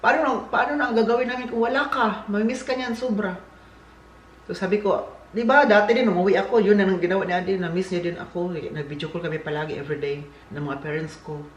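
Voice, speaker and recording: This vlogger from the Philippines speaks with a Filipino accent at a quick pace, his voice sitting high with fairly even intonation. He chats jokingly and casually, wandering off into asides, in an echoey room with faint background hiss.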